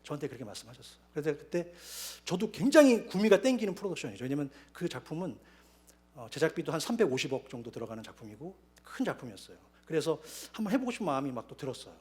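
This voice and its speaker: Animated Korean pastor, lively and fast. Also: male voice, fairly high pitch. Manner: animated storytelling, acting out quoted voices. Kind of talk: sermon with personal testimony. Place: church sanctuary.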